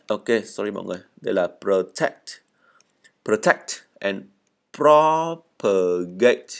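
A man teaching an English speaking lesson, explaining in Vietnamese, reading model answers and having students repeat words after him. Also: on the low side. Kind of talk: spoken language lesson.

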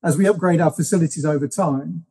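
A man answers podcast questions as a company guest, in a steady, businesslike way. His voice is husky and mellow, pitched a little high for a man. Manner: measured, businesslike explaining.

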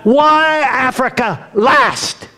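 An angry local man demands answers in a high, sharp voice, as an older preacher acts him out in his sermon. His words come slow and pointed. A faint hum of noise sits behind him. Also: expressive, heavily acted.

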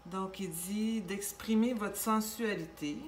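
A woman with a Québécois accent giving a casual tarot reading, gentle and reassuring, with many fillers and restarts. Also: mid-range voice, takes it slowly. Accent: Québécois French. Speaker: tarot reader. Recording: echoey room with faint background noise.

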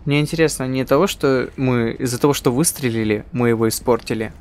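Man giving casual game commentary, medium pitch. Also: fairly quick. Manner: musing aloud, joking. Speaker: gaming channel host. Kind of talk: casual let's-play commentary.

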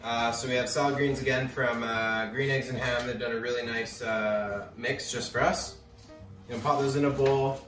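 A man's voice: medium pitch, steady tone, moderate pace. A young adult man, a chef, giving step-by-step cooking instructions casually, with lots of "uh" fillers, in a restaurant kitchen. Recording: echoey kitchen, distant, music behind.

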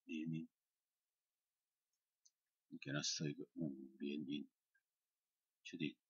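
A man giving a loose, chatty software tutorial, filled with "ah" and "hao" fillers. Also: very deep voice, level tone, takes it slowly, slightly rough, no echo, dull audio. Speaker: music software instructor. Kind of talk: screen-recorded software tutorial.

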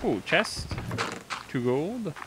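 Lively man chatting through a game. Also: a little high, extremely slow, background noise. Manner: enthusiastic, thinking aloud while exploring. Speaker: let's play host. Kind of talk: casual gameplay chat.

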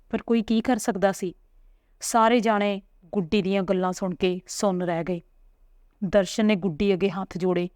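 A woman narrating a serialized family story with a steady, earnest reading. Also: on the low side, no echo, clean studio sound.

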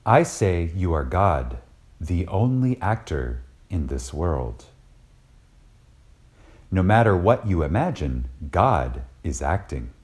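A man reads a recorded lecture in a deep, mellow voice, with big pitch swings as he stresses key words. His delivery is reverent and dramatic, with deliberate pauses between phrases.

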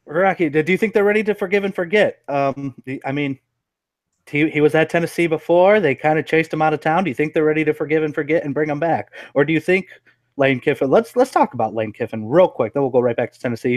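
A man's voice: on the high side, fast, dry recording, studio quality. A young man co-hosting a casual sports chat, chatty and teasing, often restarting his sentences. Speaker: co-host.

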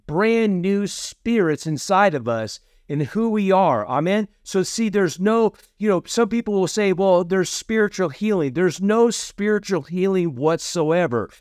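A man's voice: sits high, expressive, a little slow, hardly any pauses, a little mellow, clear, resonant tone, no echo, clean studio sound. A man hosting a casual teaching sermon who keeps asking "Amen?" and starts his points with "so see". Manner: repeats "Amen?" and "So see" often. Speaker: preacher hosting a teaching series.

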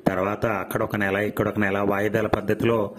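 A man's voice: lowish voice, flat delivery, a little fast, very noisy, close to an everyday voice. A man voicing a poor, worn-out widowed woman who cooks at a mess, speaking humbly. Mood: weary. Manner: pleading, humble.

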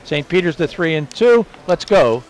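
A man hosting a postgame basketball broadcast, reading off final numbers in a brisk stat-reading delivery. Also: a little high, very animated. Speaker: play-by-play broadcaster. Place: basketball arena broadcast booth.

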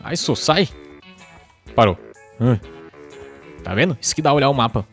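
A man's voice: mid-range voice, lively intonation, moderate pace. A young man hosting live gameplay commentary, jumpy and easily startled, often crying out in alarm and chatting to the animals and to himself. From Brazil. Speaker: gaming channel host. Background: game music and sheep bleats.

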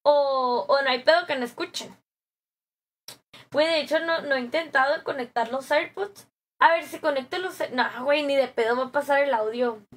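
A young Mexican woman streaming live, chatting with viewers in a bubbly, slangy way, her voice a little hoarse from a sore throat. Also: high voice, moderate pace, fairly bright tone. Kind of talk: live stream chat, greeting viewers and reading comments.

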